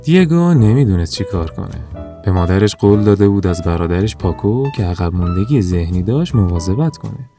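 A man narrating a children's story in a calm, even storytelling manner. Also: low-pitched, soft background music.

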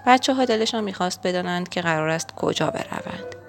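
A woman reading a children's picture book aloud in a gentle, expressive storytelling manner. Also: lowish voice, faint music behind. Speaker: storybook reader.

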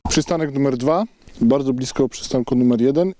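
Mellow-voiced man interviewing casually. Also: mid-range voice, a little fast, soft background music. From Silesia, Poland. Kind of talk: casual on-location interview chat.

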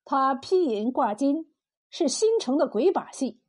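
A woman voicing a stern, wise male emperor who speaks with measured authority. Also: sits high, lively intonation, darkish tone.

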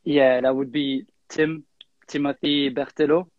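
A man's voice: a little high, level tone, measured pace, lo-fi sound. A young man from Switzerland, chatting casually as an interview guest, full of fillers and restarts. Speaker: guest, freerunner and kendama player.

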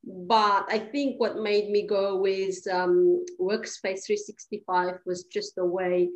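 A woman's voice: mid-range voice, level tone, slow pace, dull audio. Woman from Eritrea, thirties, casual interview guest, stumbles and restarts, laughs easily. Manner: hesitant, many restarts and fillers, laughs easily. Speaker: guest, cleaning business founder. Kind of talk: podcast interview, casual conversation. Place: at home during lockdown.

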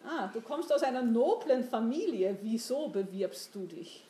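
A domineering merchant mocks and commands in a storybook reading, as a woman puts him on. His lines swing widely in pitch. A roomy echo surrounds the voice. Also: animated, unhurried, warm tone. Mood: commanding. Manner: commanding, mocking. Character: domineering, mocking older male merchant.

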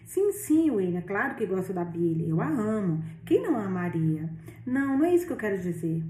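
A woman reading the lines of a worried, insistent older aunt, a little higher than her narration. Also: very animated, fairly quick, mellow, lightly acted. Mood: pleading. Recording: roomy echo, distant mic.

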